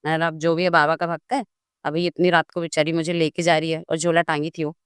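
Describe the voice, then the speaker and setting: A woman guest in a casual interview, telling a personal story in a lively way and acting out the dialogue. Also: sits low, fast talker, clear, resonant tone, no echo, clean studio sound. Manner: animated storytelling, acts out dialogue. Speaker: guest devotee.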